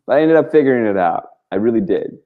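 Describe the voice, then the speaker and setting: A man guesting on a talk show rambles casually and earnestly through his stories, using informal slang, frequent "like," and mild swearing. His medium-pitched voice is lively and fast, with narrow, tinny audio.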